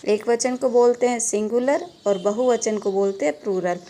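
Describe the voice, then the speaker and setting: Patient Hindi teacher woman, fairly high voice. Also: moderate pace, warm tone. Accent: Rajasthani Hindi. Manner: patient, asks and answers her own questions. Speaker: school teacher. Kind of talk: classroom grammar lesson.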